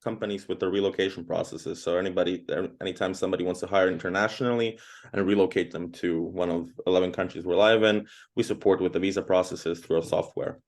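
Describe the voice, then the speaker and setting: A Croatian man in his thirties, appearing as an interview guest, talks casually and at length in a low, steady voice, moving fast. He's chatty and rambling, constantly reaching for fillers.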